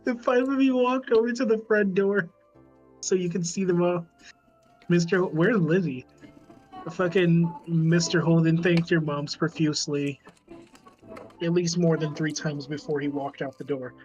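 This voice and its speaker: A man's voice: fairly high pitch, steady tone, measured pace, darkish tone, muffled recording, faint music behind. Giggly man reading game text aloud. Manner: reads narration, breaks off giggling, swears casually. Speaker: streamer reading a visual novel aloud. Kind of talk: casual reading aloud with chat asides.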